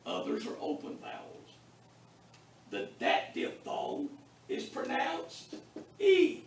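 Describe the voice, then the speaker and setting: Slow, singsong male teacher in echoey classroom. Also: extremely high pitch, huge pitch swings, a bit bright, distant mic, slight background noise. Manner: slow deliberate drilling with repetition; wry, teasing humor with students. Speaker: Bible college Greek teacher. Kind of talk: classroom lecture. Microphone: distant room mic. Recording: echoey classroom taped from afar.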